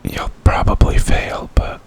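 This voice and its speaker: A man giving a whispered pep talk in ASMR style, speaking in a breathy, unvoiced whisper with an encouraging, reflective manner. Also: unhurried, a little mellow. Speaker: ASMR creator.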